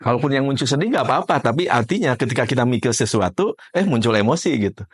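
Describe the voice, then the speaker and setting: A man's voice: medium pitch, lively intonation, quick pace, breathy edge. A man giving a conversational classroom lecture as an NLP trainer, quizzing participants by name and explaining with everyday examples.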